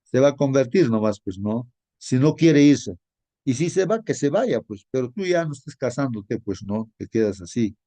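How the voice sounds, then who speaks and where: Gravelly man teaching in rambling style. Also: mid-range voice, lively intonation, normal speed, warm tone, dry recording. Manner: rambling, with many fillers and tag questions. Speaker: Bible study leader. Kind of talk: informal Bible study teaching.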